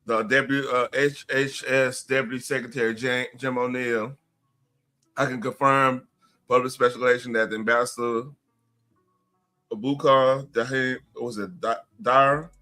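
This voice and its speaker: A man co-hosts a casual livestream with a bright, forceful voice. He reads news stories in a halting way, pausing mid-sentence to search for things. He is fighting hiccups throughout. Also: mid-range voice, fairly even intonation, soft background music. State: has hiccups. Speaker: livestream co-host.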